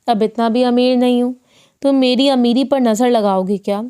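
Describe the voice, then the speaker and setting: A woman's voice: fairly high pitch, fairly even intonation, warm tone, clean tone, natural voice. Woman reading as a tired young husband. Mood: teasing. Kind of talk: audiobook dialogue.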